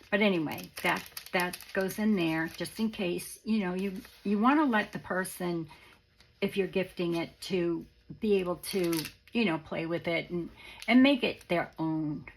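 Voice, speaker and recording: A woman giving a casual, halting show-and-tell as a craft presenter, with a raspy, worn voice that is starting to go. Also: lowish voice, slight background noise, low-quality recording. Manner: halting, rambling, informal. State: voice starting to go after illness.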